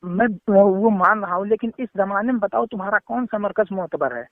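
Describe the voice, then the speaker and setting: High-voiced argumentative caller on a phone. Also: male voice, moderate pace, no echo. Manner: argumentative, talks over the other side. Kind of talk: heated religious phone debate. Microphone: phone call. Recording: tinny phone line.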